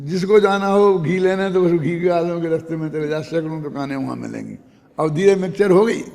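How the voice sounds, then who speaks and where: An older man delivers a conversational religious discourse on scripture, often asking his listeners "समझे ना?" to make sure they follow. His voice is fairly high with vocal fry, and the recording has a long reverb tail.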